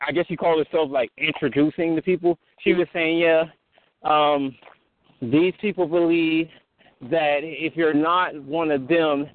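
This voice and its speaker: A man hosting a call-in fellowship discussion, talking in a halting way with many fillers and restarts. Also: fairly high pitch, no echo. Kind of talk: casual phone discussion. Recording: tinny phone line.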